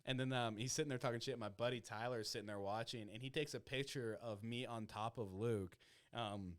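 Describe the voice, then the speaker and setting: A man's voice: medium pitch, fairly even intonation, fairly quick. A man hosting a podcast in casual chat, rambling and swearing freely. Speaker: podcast host.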